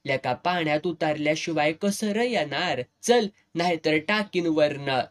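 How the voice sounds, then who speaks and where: A man voicing a bold, quick-tempered village girl, speaking in a with a teasing, bossy manner. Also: a little high, natural voice.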